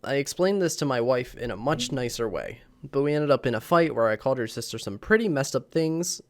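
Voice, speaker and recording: A young man with a mid-range voice reads online posts to the camera at a fairly quick pace, his intonation lively. Slightly sick, the channel host rambles, chuckles, and fills gaps constantly in this casual vlog captured by the camera mic.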